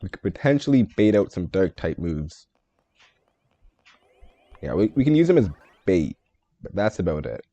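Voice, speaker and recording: Low, mellow-voiced male streamer, thinking aloud. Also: very animated, moderate pace, pauses often, muffled recording. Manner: thinks aloud, answers chat, joking and self-deprecating. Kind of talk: live gameplay stream commentary.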